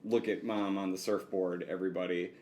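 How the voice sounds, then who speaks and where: A man's voice: sits low, little pitch movement, brisk, a little mellow. A man co-hosting a podcast, chatting casually and joking with frequent laughs. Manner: joking, rambling, laughs often. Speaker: podcast co-host. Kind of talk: casual chat.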